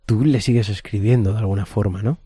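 A male journalist with a low, mellow voice asks measured questions, often rephrasing as he goes. The sound is dry and close, with no room around him. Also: slightly rough, no echo. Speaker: journalist interviewer. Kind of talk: interview questions and reporting.

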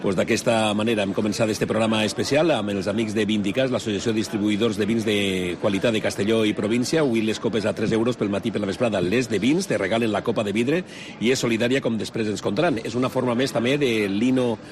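A man's voice: on the low side, fairly even intonation, quick pace. A man with a Valencian accent hosting a live radio interview in an informal, bantering way. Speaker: radio host. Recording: outdoor urban street with crowd bustle. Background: crowd and street ambience.

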